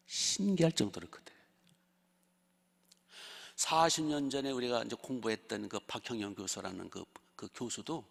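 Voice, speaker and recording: Older male pastor, husky gravelly voice, lively story-driven sermon, long church-hall reverb. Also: fairly low pitch. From Chungcheong region, South Korea. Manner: lively storytelling with rhetorical questions to the congregation. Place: church sanctuary.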